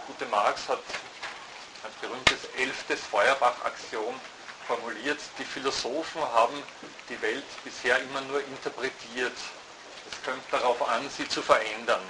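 A man lecturing at a university, thoughtful and halting, often restarting his sentences. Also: mid-range voice, steady tone. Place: lecture hall. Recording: noisy lecture hall recording.

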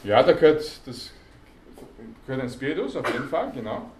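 A male university lecturer with a mid-range, darkish voice talks fairly quickly with lively intonation, patiently explaining and quizzing the class amid many hesitation sounds. A student captured it from the audience in an echoey hall with faint background noise.

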